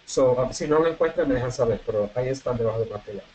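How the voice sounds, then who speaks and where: A man's voice: medium pitch, mellow, a little hiss or hum, rough recording. Bilingual man teaching English online. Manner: switches between Spanish and English, repeats word pairs slowly for drilling. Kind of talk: online class instruction.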